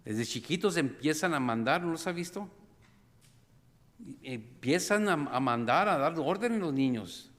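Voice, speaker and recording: Animated preaching man in a reverberant church. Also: fairly high pitch, measured pace. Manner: animated preaching that acts out scenes with shouted cries; addresses the congregation as brothers and sisters. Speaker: pastor. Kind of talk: sermon. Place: church sanctuary. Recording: long reverb of a church hall.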